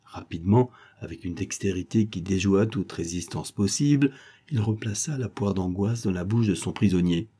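Man reading a novel, husky dark voice. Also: deep voice, normal speed. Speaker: audiobook reader. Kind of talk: scripted narration.

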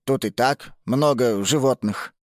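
A woman's voice: extremely low pitch, measured pace, no room sound, clean studio sound, voice pushed down. A woman voicing a puzzled old grandfather who mutters and grumbles, read as an audiobook. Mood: grumbling. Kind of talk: audiobook narration.

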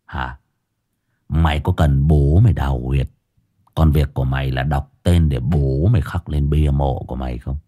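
A man's voice: a little slow, long pauses, a little mellow. A man voicing a cold, threatening young male street fighter in a storybook tale. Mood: menacing. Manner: low menacing mutter.

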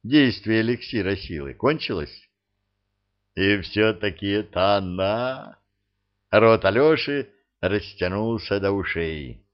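A man narrating a humorous fantasy audiobook, bringing the characters to life in an expressive reading. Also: lowish voice, slow, muffled recording. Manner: expressive storytelling, acting out the characters. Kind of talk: scripted narration.

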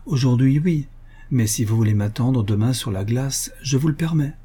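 A man reading aloud voices a playful young girl in love, in a teasing, lively way. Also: mid-range voice, normal speed, slightly rough, lightly acted.

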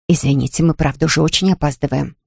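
A woman reading an audiobook, voicing a brisk, sharp-tongued cousin who speaks in a low, curt way. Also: steady tone, creaky, husky, dry recording, studio quality, heavily acted. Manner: low curt hurried talk.

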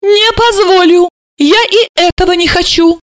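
A woman voicing a shrill, hysterical older mother who shrieks and scolds her grown daughter. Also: lively intonation, unhurried, no room sound. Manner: shrieking, scandalized, dramatic.

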